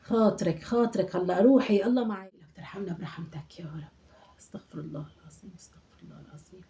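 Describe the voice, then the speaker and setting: Woman doing a self-pitying aleppo mom in her 60s, rattles on quick, scolds then mutters prayers, aleppo syrian arabic accent. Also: medium pitch, mellow, close to an everyday voice. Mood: fussing. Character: chatty older Aleppo mother, nagging and self-pitying. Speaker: sketch performer. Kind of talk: comic monologue sketch.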